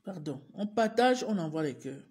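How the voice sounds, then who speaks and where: Livestreaming to her followers, a woman teacher who has a cold talks casually and keeps urging her viewers over and over, coughing and clearing her throat. Her fairly low voice is very animated and a little mellow, at normal speed.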